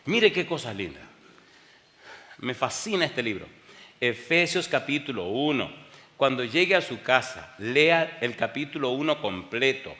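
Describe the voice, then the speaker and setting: A male pastor preaching a sermon, firing rhetorical questions at his congregation and swinging between booming emphasis and hushed storytelling. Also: big pitch swings, a little slow. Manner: rhetorical call-and-response questions. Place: church sanctuary during a televised service. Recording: long hall reverb.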